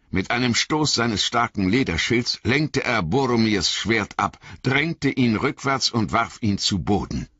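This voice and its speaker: A man narrating an audiobook in an expressive, dramatic storytelling manner. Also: lowish voice, slightly rough, no room sound. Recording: slightly dull lo-fi audio.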